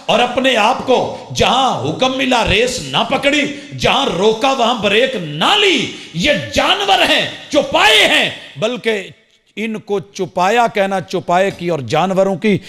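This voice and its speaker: Guy preaching, fairly high voice, drops low to tell a story then shouts the big lines. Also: lively intonation. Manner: swings between low storytelling and loud shouted calls; rhetorical questions, repeated phrases. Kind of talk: sermon.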